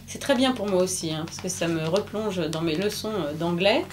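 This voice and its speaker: A woman's voice: on the low side, animated, normal speed, a little hiss or hum. A woman presenting a children's book in a casual, chatty way, with many hesitations and fillers, who laughs at her own jokes.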